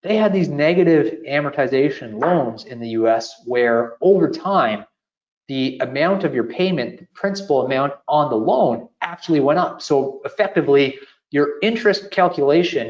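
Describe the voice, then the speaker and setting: A man co-hosting a finance podcast, laying out ideas at an even, explanatory pace. His voice sits in a roomy space and sounds a little dull and lo-fi. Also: mid-range voice. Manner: steady explanatory, occasional repeated words. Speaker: podcast co-host. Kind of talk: casual finance podcast chat.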